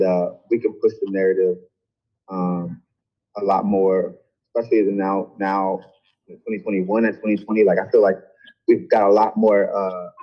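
A man joining a casual group discussion over a poor, unclear online call, talking hesitantly with many fillers and restarts. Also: low voice. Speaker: discussion participant. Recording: muffled lo-fi call audio.

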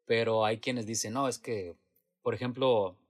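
A man's voice: medium pitch, steady tone, unhurried. A man who works in theater answers interview questions in a reflective, hesitant way, with many restarts and fillers. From Latin America. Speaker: theater actor and producer.

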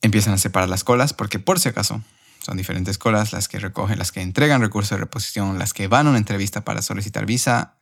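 A young man on a podcast, telling a personal story in an emotional, animated way. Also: lowish voice, fast talker, gravelly. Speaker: podcast host.

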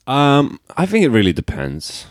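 A man co-hosting a podcast in casual, jokey, animated chat. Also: medium pitch, normal speed, no room sound, clean studio sound. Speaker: podcast co-host.

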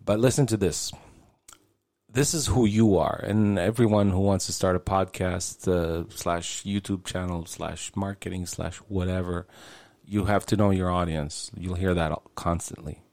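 A man in his late forties talks straight to his listeners on a solo podcast, rambling and swearing as it comes. His voice sits very low and has a gravelly fry, and it is recorded close and dry. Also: fairly even intonation, a little slow, a little mellow, no room sound. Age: 40s. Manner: rambling, conversational, swears casually. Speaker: podcast host. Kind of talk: casual solo podcast monologue.

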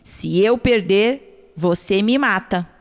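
A woman voicing a clever, quiet tortoise in a storybook tale, calm and deliberate. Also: medium pitch. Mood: scheming. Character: small clever quiet tortoise, sly trickster. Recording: long hall reverb.

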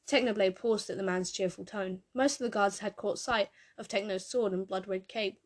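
A woman reading a story aloud with measured, expressive delivery. Her voice sits at an ordinary middle pitch for a woman. She carries the narration steadily from line to line. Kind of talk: fan fiction reading.

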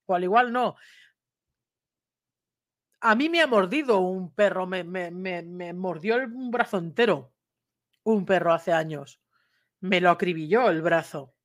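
A woman talks through a video of dogs in a relaxed, chatty tone. She explains each moment step by step and keeps checking in with her listener. Now and then she raises her voice for emphasis. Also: mid-range voice. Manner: imitates bite sounds and raises voice for emphasis. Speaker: dog trainer commenting on a video. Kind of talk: casual video commentary.

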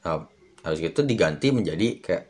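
A man's voice: low voice, lively intonation, fairly quick, a little mellow, slightly rough. A young man telling a personal story in a casual, rambling podcast monologue full of fillers. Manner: rambling, many fillers, slangy. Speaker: podcast host.

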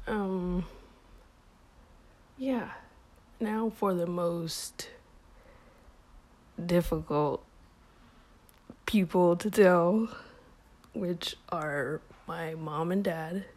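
Young woman, slow relaxed storytelling, lowish voice, lots of "like" and soft laughs, a little under the weather. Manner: relaxed, heavy use of "like", frequent small laughs. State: feels a bit sick and hot. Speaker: vlogger. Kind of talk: casual storytelling.

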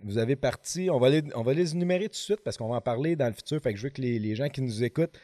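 A man's voice: medium pitch, rapid-fire, warm tone, no room sound. Quebecois guy hosting a podcast, rambly and joking, lots of euh, dry close mic. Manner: rambling, hesitant, many fillers and restarts, playful. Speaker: podcast host. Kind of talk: casual chat. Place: podcast studio in an office.

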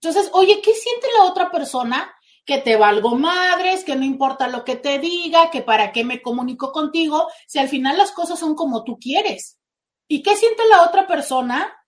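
This high-voiced woman hosts a casual advice session as a therapist, talking at normal speed. Her manner is emphatic and animated, and she acts out short quoted conversations in different voices.

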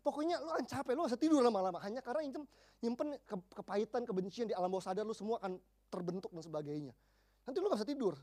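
Fast-talking high-voiced male pastor. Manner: animated storytelling, slangy, acts out the people he quotes. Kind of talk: sermon with personal counseling stories.

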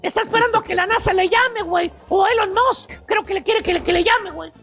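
A male radio comedy host tells a slangy, mocking story. His voice is extremely high and gravelly, with music running underneath. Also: fairly quick, fairly bright tone. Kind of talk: comic storytelling.

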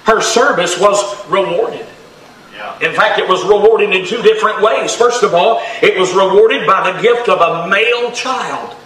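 A pastor preaching a fervent revival sermon in a church, often shouting. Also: male voice, high-pitched, a little slow. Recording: echoey church from far off.

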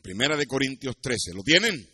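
A middle-aged man preaching a sermon in church, telling stories and rising into loud, emphatic passages. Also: medium pitch, very animated, moderate pace, breathy edge, no room sound, studio quality. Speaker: pastor.

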